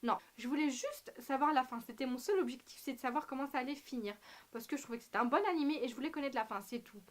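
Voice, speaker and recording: A young woman talking in an unscripted casual vlog, animated and ironic, with slang and many fillers, speaking to a camera at home. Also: high-pitched, fast. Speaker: anime vlogger. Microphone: camera mic.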